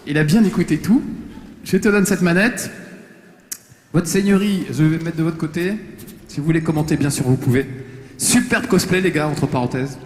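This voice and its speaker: A man hosting a live fighting-game contest on a convention stage, teasing the players and cheering on the crowd through a handheld mic. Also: a little high. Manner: playful, teasing, quick to joke and cheer on the crowd. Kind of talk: live event emceeing. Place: convention stage before an audience. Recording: echoey hall with music.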